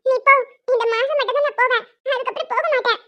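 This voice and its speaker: A woman's voice: very high voice, fairly even intonation, fast. A woman voicing an earnest little boy who loyally pleads for his elder sister in a cartoon. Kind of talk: cartoon voice acting. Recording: dull lo-fi sound.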